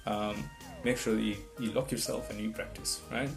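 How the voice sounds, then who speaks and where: With guitar music in the background, a man speaking English as a second language gives rambling test-prep advice straight to camera, often starting over and checking in with "right?". His voice is low and creaky, his tone level, and his pace moderate.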